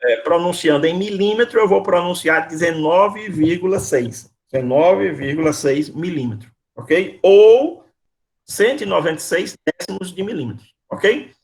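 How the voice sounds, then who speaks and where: Gravelly high-voiced male lecturer. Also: animated, moderate pace, a little mellow. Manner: didactic, repeats questions, calls on students by name. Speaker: university lecturer. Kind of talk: online class, quizzing students.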